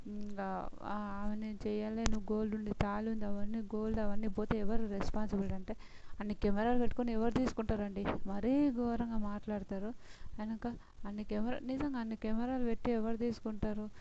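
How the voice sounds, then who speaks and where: A woman's voice: medium pitch, a little fast. A woman gives a casual, exasperated recap of a reality show and acts out what the contestants said. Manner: animated retelling, acts out quotes loudly, exasperated. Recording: dull lo-fi sound with clear noise.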